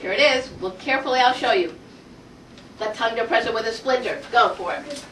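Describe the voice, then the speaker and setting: A woman teaching a Hebrew phonics lesson to a class, energetic and coaxing, asking the group question after question. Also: on the high side, brisk, a little hiss or hum. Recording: roomy classroom audio from far off.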